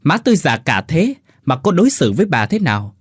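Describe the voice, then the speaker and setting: A man's voice: fairly high pitch, very animated, fairly quick, slightly rough, no room sound, studio quality, pitched above the performer's own voice. A man voicing a cold, contemptuous husband who snarls through gritted teeth.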